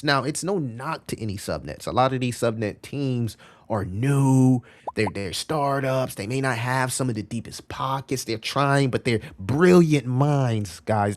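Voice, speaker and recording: A man hosting a casual live stream, talking in a loose, slangy and repetitive way and answering chat messages as he reads them. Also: medium pitch. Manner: loose, slangy and repetitive, often calling out "bro". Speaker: crypto livestream host.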